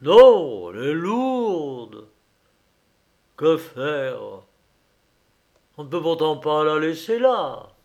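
A stubborn old peasant grandfather grumbles and curses in a gruff, loud voice, as a male storyteller puts him on. He speaks slowly, a touch higher than the narration. This is a storybook voice with plain acting. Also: very animated, lo-fi sound, heavily acted. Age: older.

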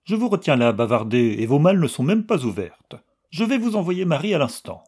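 A man voicing an earnest, kind young woman who speaks gently and pleadingly. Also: lowish voice, expressive, moderate pace, breathy edge. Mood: gentle, earnest.

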